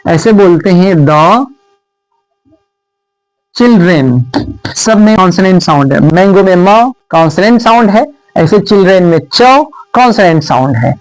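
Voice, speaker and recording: A man with a Hindi accent teaching an English lesson, who explains step by step, asks the viewers questions and repeats example words slowly. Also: high-pitched, lively intonation, dry recording, low-quality recording.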